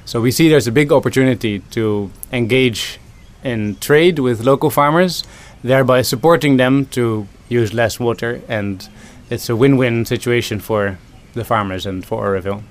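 Man with a thoughtful, halting manner. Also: medium pitch. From Netherlands. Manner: thoughtful, many ums and restarts. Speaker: food system consultant. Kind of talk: interview answers.

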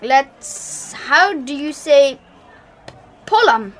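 A woman's voice: high voice, lively intonation, very slow, full character voice. A woman playing a grumpy, fussy English father on holiday, complaining and exasperated, in an acted comedy drama. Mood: grudging.

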